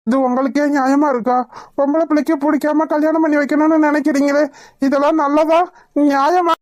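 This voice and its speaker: Woman as nervous cartoon priest, high, dry, pleading. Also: fairly even intonation, a little fast, darkish tone, no echo, lightly acted. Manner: whiny, flustered pleading. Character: fretful male wedding priest, timid and talkative. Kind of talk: cartoon voice acting.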